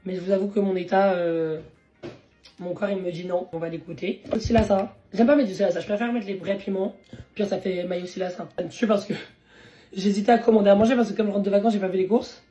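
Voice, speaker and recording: A young woman talks straight to her phone camera at home in a casual vlog, her voice hoarse and worn from days of talking. She rattles along at a quick clip, full of slang. Her tone stays dark and mellow. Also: medium pitch, steady tone, soft background music. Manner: chatty, slangy, laughs often. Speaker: vlogger. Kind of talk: casual chatty food vlog.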